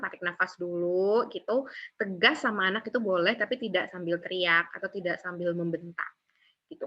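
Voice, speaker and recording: A woman's voice: mid-range voice, muffled recording. A woman giving a casual, conversational webinar talk on raising young children, often acting out what parents say. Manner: relaxed conversational, many filler tags, acts out parent quotes. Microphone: video call.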